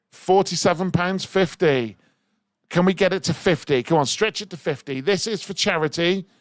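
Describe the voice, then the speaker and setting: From a radio studio, a man with a high, echo-free voice hosts a live charity auction. He energetically encourages listeners to make bids, sounding ever more excited.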